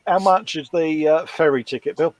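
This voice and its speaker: A man's voice: a little high, moderate pace, background noise. A man hosting a casual live stream, teasing a friend and reading out viewer comments. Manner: teasing and chuckling, relaxed.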